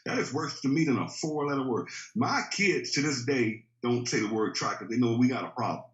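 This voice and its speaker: A man's voice: medium pitch, expressive, fairly quick. A man in his fifties giving a motivational sales-training talk, emphatic and preachy, firing off rhetorical questions. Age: 50s. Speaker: network marketing trainer. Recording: roomy, slightly dull recording.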